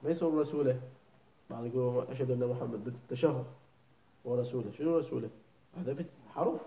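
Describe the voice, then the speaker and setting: A man teaches a lesson on prayer recitation, drilling pronunciation slowly and checking that his students understand. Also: mid-range voice, mellow. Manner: keeps checking understanding with short questions. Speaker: religious teacher. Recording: echoey room.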